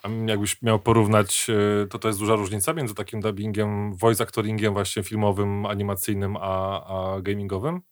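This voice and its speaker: A man with a low voice interviews a guest in a relaxed, casual way. He asks questions in short, easy prompts. The recording is dry, with no room sound. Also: brisk, few pauses, no room sound.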